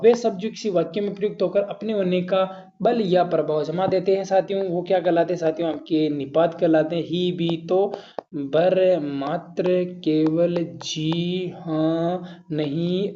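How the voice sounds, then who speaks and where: A man runs an exam-prep grammar lesson with a mellow tone, posing questions to his students and answering them himself. The recording sounds dull and lo-fi. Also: sits high, a little hiss or hum. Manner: addresses students as "saathiyon", asks and answers his own questions. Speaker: Hindi grammar teacher.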